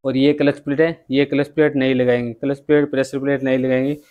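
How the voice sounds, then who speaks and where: A man's voice: mid-range voice, flat delivery, quick pace, narrow, tinny audio. A man, working as a bike mechanic, giving a step-by-step workshop repair tutorial and addressing viewers as friends.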